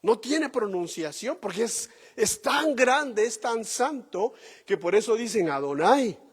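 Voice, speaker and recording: Slow, animated Spanish-speaking pastor preaching. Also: male voice, sits high, slightly rough, big-room sound. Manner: slow, emphatic preaching with rhetorical questions. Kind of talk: sermon.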